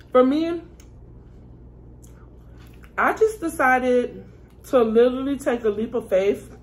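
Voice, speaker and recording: A woman chatting casually to her viewers while eating a meal. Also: medium pitch. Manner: chatty and laid-back, talks while eating. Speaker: vlogger. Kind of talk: casual mukbang chat.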